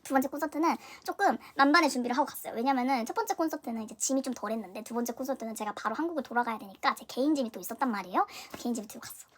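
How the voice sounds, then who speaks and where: A young Korean woman telling a story in a casual vlog, animated and dramatic, acting out her own reactions. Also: fairly high pitch, rapid-fire, hardly any pauses, breathy edge. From South Korea. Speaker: vlogger. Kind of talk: casual storytelling concert review.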